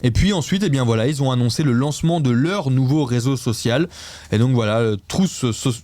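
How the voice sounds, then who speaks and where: A man's voice: medium pitch, expressive, fairly quick, darkish tone, no room sound. Hesitant male news host, dry sound. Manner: hesitant, restarting often, chatty and self-mocking. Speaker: host of a weekly news show. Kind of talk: casual news recap and quiz with co-hosts.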